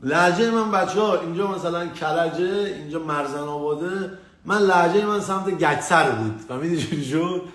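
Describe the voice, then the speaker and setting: A man from Tehran telling crude personal stories in a rambling, profane, animated way. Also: on the high side. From Tehran, Iran. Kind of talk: casual storytelling monologue. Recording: echoey room with faint ambient noise.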